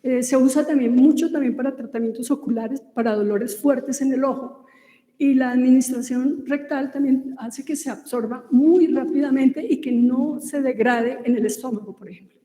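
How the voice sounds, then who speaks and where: A woman with a Colombian Spanish accent explains her subject in a loose, conversational lecture, often pausing on fillers and restarting phrases. Her voice sits high yet sounds mellow and soft-edged. The recording has an echoey room with a long reverb tail. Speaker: lecturer on cosmetic ingredients. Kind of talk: informal lecture.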